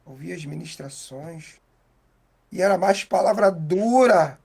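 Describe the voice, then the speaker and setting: A man with a Brazilian Portuguese accent giving a heartfelt, halting faith testimony as an interview guest. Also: sits high, expressive, gravelly, darkish tone, husky.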